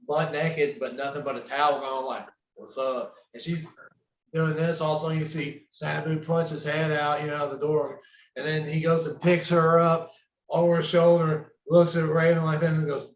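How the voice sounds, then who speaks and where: A man's voice: on the high side, little pitch movement, normal speed. A man guest on a podcast, telling wrestling-road stories in a laid-back way, laughing as he goes. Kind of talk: casual storytelling. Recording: roomy echo.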